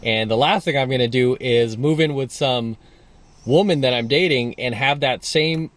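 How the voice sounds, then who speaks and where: A man's voice: medium pitch, moderate pace. Guy coaching on dating, blunt, emphatic, keeps repeating his points. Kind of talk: monologue coaching video.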